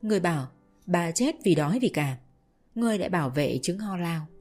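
A woman narrating a spoken story in a steady, measured way. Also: on the low side, soft background music. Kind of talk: audiobook storytelling.

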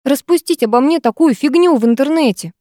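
A woman reading an audiobook, voicing an indignant teenage schoolgirl with shrill outraged outbursts. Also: fairly even intonation, fairly quick, darkish tone, dry recording, clean studio sound, lightly acted.

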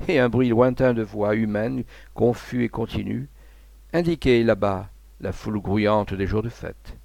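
A man reading a classic novella aloud in a measured literary manner. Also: medium pitch, creaky, darkish tone, no room sound. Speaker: narrator.

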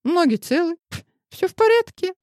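A woman's voice: extremely high pitch, very animated, moderate pace, darkish tone, no echo, studio quality, pitched above the performer's own voice. A woman voicing a brash secretary in her forties who talks bluntly and dismissively. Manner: blunt, dismissive, matter-of-fact.

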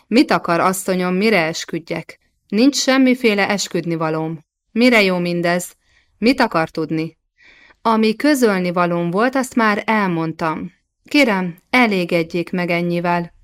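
A woman's voice: medium pitch, natural voice. Storybook figure: a testy medieval king, played by a female reader, defensive and barking orders. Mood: angry. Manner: irritable, defensive, commanding. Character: angry guilty young medieval French king.

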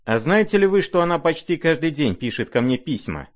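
A man's voice: on the high side, big pitch swings, fairly quick, voice pushed up. A man voicing a proud, impetuous young woman who fires off insistent, jealous questions in a raised voice. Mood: agitated.

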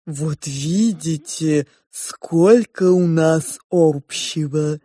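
Slow, dark-voiced pig lady, as a woman puts her on. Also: low-pitched, husky, dry recording, clean studio sound, full character voice. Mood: ponderous. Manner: slow, ponderous, drawn-out speech. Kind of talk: audiobook character voice.

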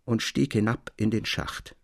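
A man's voice: fairly low pitch, fairly even intonation, measured pace, creaky. Man reading a literary tale aloud. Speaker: reader.

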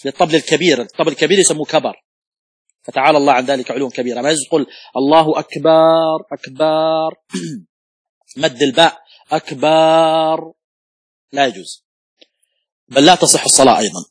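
A man teaching a religious law lesson as a sheikh, methodically explaining rules through worked examples and repeating key points, with occasional coughs and throat clearing. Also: mid-range voice, fast talker, pauses often, no echo, studio quality. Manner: demonstrates correct and wrong pronunciation aloud.

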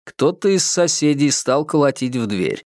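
Man, audiobook narrator, dramatic reading, lively pitch, close dry recording. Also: normal speed, no echo.

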